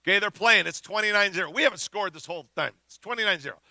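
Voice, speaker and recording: A middle-aged man preaching a sermon as pastor, telling a story with animated energy and shouting at the big moments. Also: high voice, very fast, dry recording.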